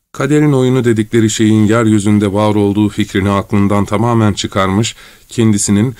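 A man with a low voice reads a literary story aloud in a measured, unhurried storytelling manner. The recording is dry and close, with no room echo at all. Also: a little mellow. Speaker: audiobook narrator. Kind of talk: scripted literary narration.

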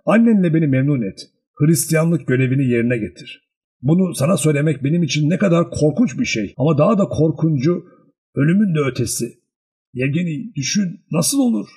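A man's voice: fairly high pitch, expressive, a little fast, mellow, slightly rough, voice pushed up. A man voicing a frail elderly father, anxious and doting, pleading with a raised, breaking voice. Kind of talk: audiobook character reading.

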